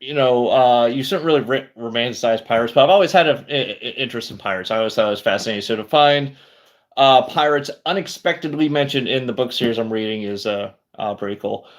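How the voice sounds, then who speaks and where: Male streamer, mid-pitched, loose and rambling, lots of fillers, casual chat. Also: a little fast. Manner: rambling, conversational, many fillers and restarts. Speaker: book review streamer.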